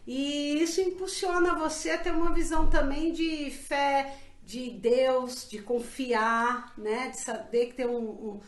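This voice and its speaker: A middle-aged woman from Brazil with a high voice answers interview questions earnestly and reflectively. She often restarts her sentences and leans on fillers. The recording carries a noticeable room echo. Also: steady tone, slow pace. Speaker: interviewee, council pre-candidate. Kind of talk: casual interview. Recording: echoey room.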